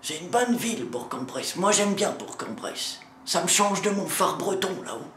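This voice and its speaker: A channel host plays a grumpy, foul-mouthed old riddle-keeper from a lighthouse in a comic sketch announcing meetups, grumbling and scolding the viewer through a sore throat. His high voice is animated and a bit bright at a moderate pace, recorded in an echoey room with slight background noise.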